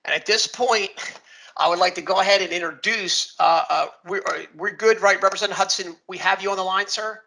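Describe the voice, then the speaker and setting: A man with a gravelly voice presenting slides informally at an event, in a folksy, emphatic way. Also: sits high, fairly even intonation, a little fast, pushed and bright, slight background noise, rough recording. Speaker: presenter and moderator of a launch event.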